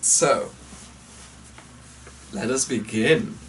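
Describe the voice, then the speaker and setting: The host speaks very slowly in a medium-pitched, fairly bright voice. Hosting a casual vlog, he rambles to viewers while muttering, seeming distracted and mildly exasperated. A distant mic captures him, with faint noise in the background.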